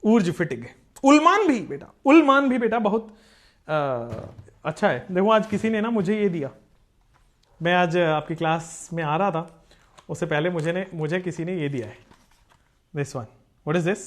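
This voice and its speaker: A man's voice: sits high, a little slow, long pauses. A man teaching chemistry in a live online class. He jokes with the students and calls them "beta". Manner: animated, joking, talks to students as "beta".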